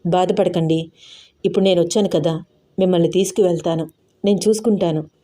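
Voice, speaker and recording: A woman's voice: lowish voice, fairly even intonation, a little fast, warm tone, close to an everyday voice. A woman voicing a stern, protective young man who speaks seriously and firmly. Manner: serious, firm.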